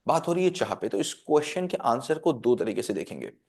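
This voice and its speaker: A man's voice: medium pitch, sing-song, brisk, creaky, darkish tone. A man coaching a group of parents, teaching earnestly, with repeated rhetorical questions and English phrases mixed in. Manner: mixes English phrases into his talk.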